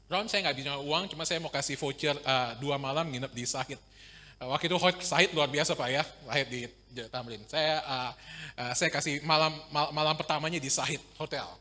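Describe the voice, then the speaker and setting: A middle-aged male pastor delivering a sermon in a high, bright voice. He tells stories, sometimes rising loud and sometimes dropping to a near hush. The sound rings with the long reverb of a hall. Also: a little fast. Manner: storytelling, swings from loud to very quiet. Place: church prayer meeting hall.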